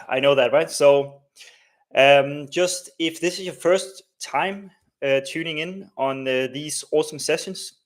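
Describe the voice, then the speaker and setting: Chatty man hosting a live stream. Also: a little high. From Denmark. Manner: chatty, many fillers and tag questions. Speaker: host of a live coding stream. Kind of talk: casual live-stream walkthrough.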